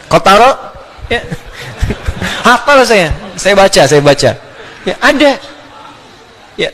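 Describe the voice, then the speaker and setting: A middle-aged man giving an animated religious lecture, often laughing and sounding out letters. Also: sits high. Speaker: Islamic preacher.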